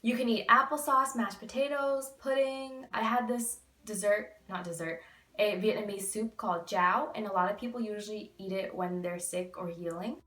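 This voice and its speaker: Faint music plays behind this twenty-something vlogger as she offers recovery advice to camera, her medium-pitched, slightly bright voice fairly even at a moderate pace. She explains casually with candid, emphatic asides from a small bedroom. The camera is a few feet off, giving an echoey, distant sound.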